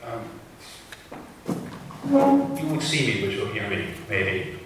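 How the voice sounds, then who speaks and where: A man's voice: lowish voice, very echoey, recorded from a distance, very noisy. A man whose voice sounds like a speakerphone, reading a guest introduction to an audience and correcting his slips. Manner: halting, corrects himself. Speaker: event host. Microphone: room mic addressing an audience.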